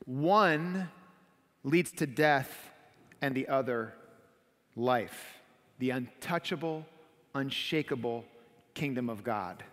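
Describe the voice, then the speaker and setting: A middle-aged man preaching a sermon from a church pulpit, explaining the text calmly and building to dramatic swells as he describes vivid scenes. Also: on the high side. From United States. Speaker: pastor. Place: church stage behind a wooden pulpit. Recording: long hall reverb of a sanctuary.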